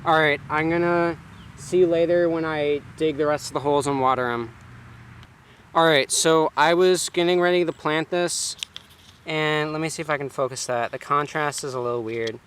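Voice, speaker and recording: This is a casual self-shot vlog from a home garden, where a man holds the camera and rambles, using plenty of fillers. He talks at a normal pace in a somewhat high, slightly bright voice with fairly even intonation, and there's a little hiss or hum.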